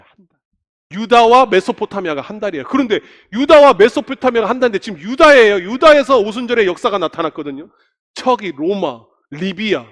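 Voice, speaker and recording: A middle-aged man preaches from the pulpit in a high, animated voice whose pitch swings widely. He talks conversationally and keeps asking the congregation questions. The long reverb of a church sanctuary trails behind every phrase. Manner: asks the congregation frequent questions. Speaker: pastor. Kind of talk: sermon.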